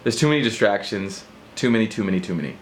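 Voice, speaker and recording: A man's voice: on the low side, lively intonation, quick pace, a little hiss or hum. A man vlogging in a casual rant to camera, rambling and self-mocking as he jumps between thoughts.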